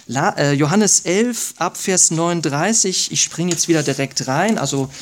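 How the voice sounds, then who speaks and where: Guy preaching a sermon, keeps asking the crowd questions, kinda higher voice. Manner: emphatic, rhetorical questions, reads scripture aloud slowly.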